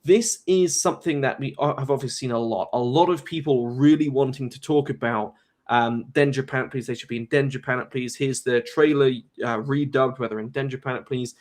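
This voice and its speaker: A young man hosts a casual live stream and thinks out loud as he goes. He rambles, pausing on fillers and doubling back to restart his sentences. His pitch sits in the middle range for a man. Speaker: host.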